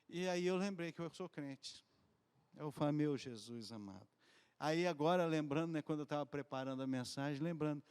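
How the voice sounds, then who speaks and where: A man preaching a sermon in a conversational, animated storytelling way, from Brazil. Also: on the high side, long reverb tail. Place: church hall.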